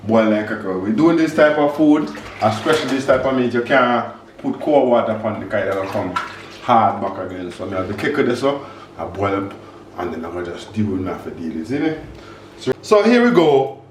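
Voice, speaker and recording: A man with a Jamaican accent hosting a relaxed cooking video, talking the viewer through each step and slipping into patois phrases. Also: fairly low pitch, moderate pace, a little hiss or hum. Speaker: home cook and vlog host. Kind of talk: casual cooking demonstration. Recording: echoey kitchen with background music.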